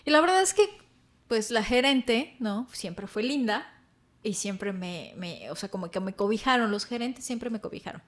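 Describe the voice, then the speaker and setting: Middle-aged Mexican woman, slightly high voice, interview guest, lively storyteller who laughs easily. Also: moderate pace. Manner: animated, acts out quotes, laughs often.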